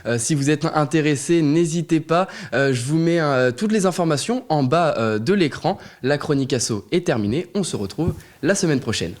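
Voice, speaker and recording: A man's voice: on the high side, lively intonation, moderate pace, hardly any pauses. Male TV segment host. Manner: friendly, filler-laden prompting. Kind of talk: TV segment hosting.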